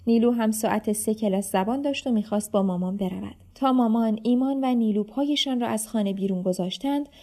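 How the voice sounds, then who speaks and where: A woman narrating a children's storybook in the first person, with a lively, expressive delivery. Her voice sits fairly high yet sounds mellow and soft. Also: few pauses.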